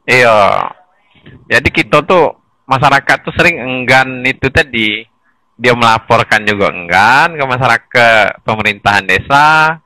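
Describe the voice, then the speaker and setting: A man in a casual conversation explaining village administration, animated and often chuckling between points. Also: mid-range voice, moderate pace, long pauses, no echo, rough recording.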